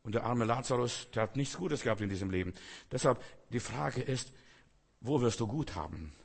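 A man's voice: mid-range voice, expressive, moderate pace, creaky, slightly rough. A man preaching a sermon, speaking emphatically with repeated phrases and rhetorical questions addressed straight to his listeners.

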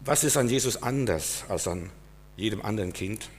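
A man's voice: on the low side, lively intonation, moderate pace, slight background noise. A man leading a Christmas Eve service as pastor, praying and preaching earnestly with rhetorical questions. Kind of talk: sermon. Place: church service.

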